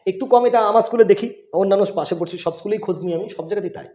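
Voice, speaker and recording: A man's voice: sits high, racing, warm tone. A middle-aged man, a school headmaster, answering interview questions in an emphatic, insistent way. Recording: roomy, echoey room.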